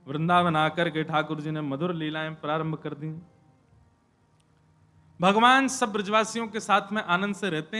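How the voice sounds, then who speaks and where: Young male preacher, high bright voice, animated storyteller. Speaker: kathavachak preacher. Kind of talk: devotional scripture sermon with storytelling.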